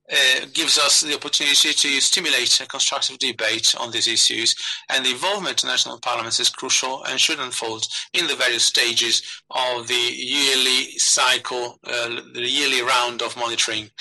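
A man working as a live conference interpreter, giving a translation voice-over of a formal speech in halting phrases with restarts. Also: mid-range voice, sharp tone, low-quality recording. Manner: translation voice-over, relaying a speaker with hesitations and restarts.

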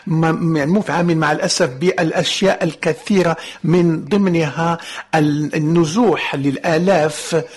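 A man giving a live interpretation of ceremony speeches. He speaks haltingly, cutting off words and restarting often. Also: a little high, slightly rough. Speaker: simultaneous interpreter.

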